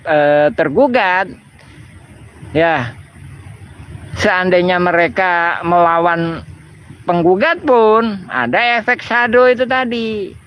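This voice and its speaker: A man speaking as a community representative, making an earnest, halting appeal to camera outdoors with many fillers. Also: high voice, fairly bright tone. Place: outdoors by fields.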